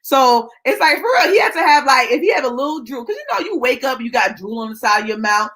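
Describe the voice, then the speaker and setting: A woman in her late thirties hosting a live show, talking casually to her viewers, animated and laughing, calling them y'all. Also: high-pitched, fast. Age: late 30s. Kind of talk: casual livestream talk to viewers.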